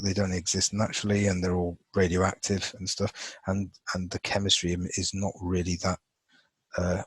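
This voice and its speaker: A man with a lowish, slightly husky voice walks through a chemistry lesson, thinking aloud as he marks up a chart. He talks in a loose, unscripted way, full of fillers and restarts. The sound is dry and close. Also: no echo, poor audio. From England. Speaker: chemistry teacher. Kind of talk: informal lesson over a drawn screen.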